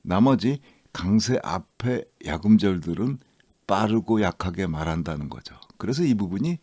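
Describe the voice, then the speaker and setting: A man teaching English listening, explaining each point slowly and drawing out his example words. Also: low voice, animated, darkish tone, no room sound, studio quality. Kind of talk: lecture.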